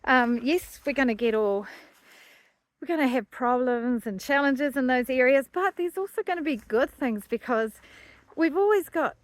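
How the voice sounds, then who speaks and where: A woman's voice: sits high, moderate pace, no room sound. New Zealand woman musing on a mountain walk. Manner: musing, chatty, searches for words; talking while walking over rough ground. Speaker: astrologer. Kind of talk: casual vlog talk. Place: outdoors in a mountain forest.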